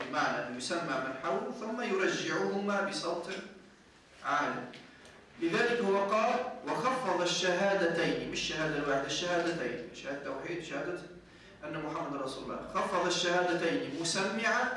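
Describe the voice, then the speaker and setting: A man's voice: high-pitched, sharp tone, slight background noise. A man teaching a jurisprudence lesson, explaining step by step and often asking his students whether they follow. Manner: explains step by step, checks understanding with "clear?". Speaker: sheikh teaching Maliki jurisprudence. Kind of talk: classroom lesson with questions. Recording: echoey room, mic at a distance.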